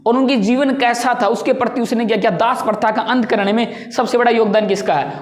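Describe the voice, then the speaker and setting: A woman's voice: fairly high pitch, steady tone, fairly quick. A woman teaching a general knowledge lesson, asking a question and then answering it herself, and repeating key points. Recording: echoey room.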